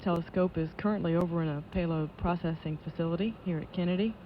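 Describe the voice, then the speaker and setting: A woman's voice: on the low side, fairly even intonation. Lo-fi woman announcer giving launch commentary. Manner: measured, official, matter-of-fact. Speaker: launch control public affairs announcer. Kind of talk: live launch commentary, status updates. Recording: dull lo-fi broadcast audio with noise.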